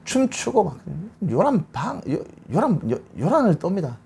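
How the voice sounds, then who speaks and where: A man giving a bible lecture, retelling scripture as a lively story and acting out the quotes. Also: high voice, normal speed, creaky, husky.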